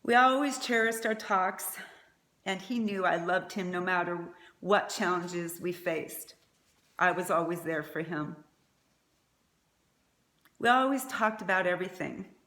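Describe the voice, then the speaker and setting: A woman's voice: on the low side, unhurried, long pauses, fairly bright tone. A middle-aged woman giving a prepared eulogy as a mother, speaking in a tender, faltering way. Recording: echoey room.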